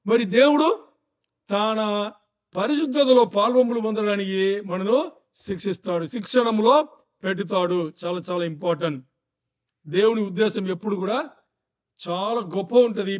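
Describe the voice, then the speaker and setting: A high-pitched male pastor preaching a sermon to his congregation. He keeps firing rhetorical questions and urging them to think. The dull, lo-fi recording muffles his voice. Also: normal speed, pauses often.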